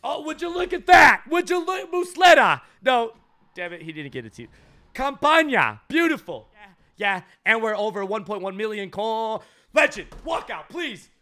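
A young man giving loud, excitable commentary while opening game packs, jumping between shouted hype and muttered swearing. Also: high-pitched, normal speed. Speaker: gaming YouTuber opening packs.

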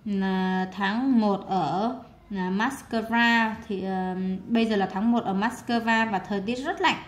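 A woman's voice: medium pitch, slow pace. A woman teaching English to pupils, working through a test in a casual way with many fillers and translating each word. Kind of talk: exam walkthrough lesson.

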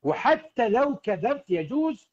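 Speaking at an extremely high pitch, this man is very animated yet a little slow, captured in lo-fi sound. As a marriage coach on a livestream, he gives husbands earnest advice, urging them on and talking straight to them.

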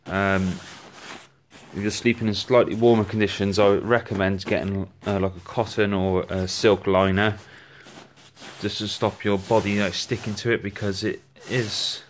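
A man's voice: on the low side, normal speed, a little hiss or hum. A man giving a casual, chatty walkthrough of his outdoor gear, filmed on a handheld phone camera indoors at home. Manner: chatty, relaxed, with frequent restarts. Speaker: gear reviewer.

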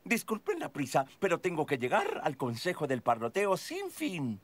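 A woman's voice: low-pitched, huge pitch swings, normal speed, full character voice. A woman voicing a cheerful, flighty cartoon monarch with a theatrical, flowery and regal manner. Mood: merry, grand. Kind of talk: animated children's show dubbing.

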